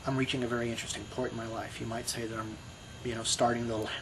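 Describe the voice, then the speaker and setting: A fast-talking middle-aged man with a Brooklyn accent speaks in a medium-pitched, flat voice as he rambles reflectively to his video blog. The casual monologue is full of you-knows and restarts, and background noise can be heard.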